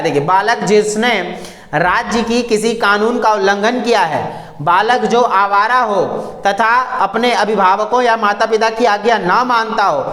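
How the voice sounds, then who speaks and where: A man's voice: high voice, fairly bright tone. A man teaching a textbook lesson, reading passages aloud and then breaking them down in everyday words. He addresses his students firmly and tells them directly what to remember. The voice rings in an echoey room. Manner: reads textbook lines, then restates them in plain words.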